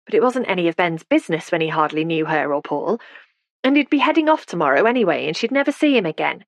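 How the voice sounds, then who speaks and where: A woman narrating an audiobook in a measured, gentle storytelling manner, close to the mic. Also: lowish voice, big pitch swings, dry recording, dull audio. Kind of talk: scripted narration.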